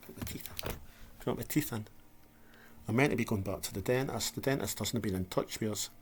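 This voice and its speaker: A man's voice: lowish voice, a little fast, slight background noise. A Scottish man vlogging in a casual, rambling, self-deprecating chat to camera, with a slight lisp. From Scotland.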